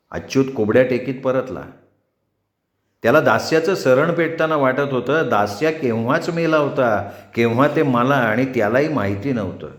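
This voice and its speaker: A man reading a novel aloud in a measured, expressive storytelling voice. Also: mid-range voice. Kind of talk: storybook narration. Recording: roomy echo.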